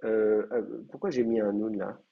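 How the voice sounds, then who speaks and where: A man's voice: lowish voice, steady tone, moderate pace, vocal fry, narrow, tinny audio. A man with a French accent giving a university lecture, hesitant, with many fillers and restarts. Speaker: teacher.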